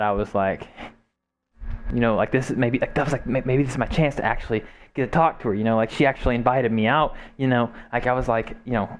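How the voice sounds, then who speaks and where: A man's voice: lowish voice, dull audio, a little hiss or hum. A young man in casual chat over a game, rambling with lots of fillers, restarts and swearing. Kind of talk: casual chat while gaming.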